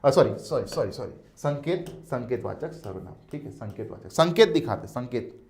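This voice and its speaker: A male teacher with a Chhattisgarhi accent gives an exam coaching lecture. He talks in an animated, emphatic way, repeats key words and calls his students "beta". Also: mid-range voice, normal speed.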